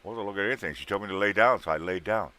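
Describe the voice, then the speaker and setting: Talking very fast in a fairly low voice, a livestream host in his thirties chats casually and trades trucker-slang banter with his guests while crowd noise fills the background.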